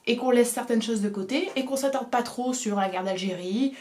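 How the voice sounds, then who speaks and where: A young woman from southern France speaks with a southern French accent, her voice sitting a little high. She delivers an earnest opinion monologue to the camera, pressing her points and repeating them for emphasis. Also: normal speed, a little mellow. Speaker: video essayist.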